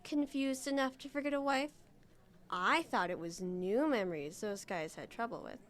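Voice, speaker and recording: In a radio drama, an actress plays a suspicious, insistent woman digging into a murder case. Her voice is a little high and expressive, and she speaks at a normal speed with light acting and a conversational style. She presses her points with urgent, suspicious emphasis.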